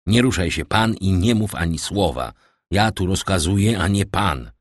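A man's voice: sits low, animated, unhurried, no room sound, studio quality. A man voicing a tense, commanding crown prosecutor in an audiobook, stern and secretive. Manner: stern, secretive, barking orders then pleading.

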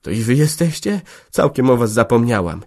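A man voicing a young peasant wife who chatters eagerly and fusses over her family, his voice pushed high and loud. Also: normal speed. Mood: tender. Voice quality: raised pitch, loud and excited.

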